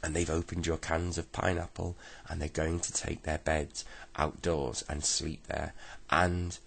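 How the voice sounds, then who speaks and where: Storybook boy, polite and eager, deep gravelly voice lifted a little, as a man reads him. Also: little pitch movement, a little slow, full character voice. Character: eager young boy trying to make amends.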